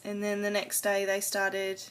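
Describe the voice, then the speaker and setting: Speaking in a monotone at a measured pace, a mid-range female voice carries a little hiss or hum. She's an adult vlogger chatting casually to camera in a personal video diary, rambling somewhat hesitantly and letting her sentences trail away.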